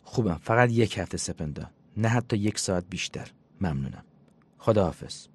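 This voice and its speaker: A man's voice: on the low side, lively intonation, slightly rough. A man reading as a curt, sarcastic reclusive woman.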